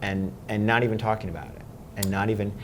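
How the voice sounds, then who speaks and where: A fairly low-pitched man leads the conversation as host. He asks his questions haltingly, restarting phrases, with a faint hum of noise behind him. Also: little pitch movement. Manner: hesitant, restarting, "um" fillers. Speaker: interviewer, host. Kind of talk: conversational interview.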